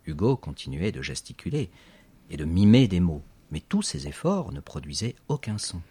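Man, audiobook narrator, very low voice, husky, animated delivery. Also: moderate pace. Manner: expressive storytelling, lively emphasis. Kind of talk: scripted story narration.

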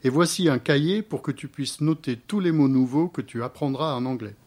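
A man voicing a gentle father who patiently explains things to his son, in a storybook reading. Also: mid-range voice, moderate pace, pitched above the performer's own voice, close to an everyday voice.

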